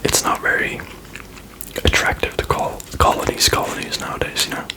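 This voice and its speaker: Whispering man reading softly for ASMR. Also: normal speed, poor audio. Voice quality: breathy, unvoiced whisper. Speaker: ASMR host reading aloud.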